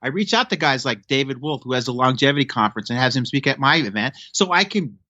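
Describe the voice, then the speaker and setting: A man's voice: medium pitch, animated, fast, pushed and bright, no echo. A man in his fifties, a chiropractor guest on a podcast, talking emphatically and preachily in casual chat. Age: 50s. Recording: dull lo-fi sound.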